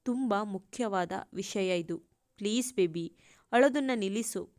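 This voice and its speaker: A woman putting on a gravely ill older man from a storybook reading, his voice dropped low and quiet, each word strained and breathless. He is faint but urgent. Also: a little slow, dry recording, studio quality, close to an everyday voice.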